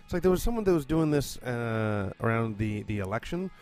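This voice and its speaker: A man's voice: mid-range voice, sing-song, normal speed, a little mellow, faint music behind. A man hosting and producing a comedy podcast from his condo, rambling casually with lots of fillers and swearing. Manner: chatty, profane, rambling with many fillers. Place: condo at home.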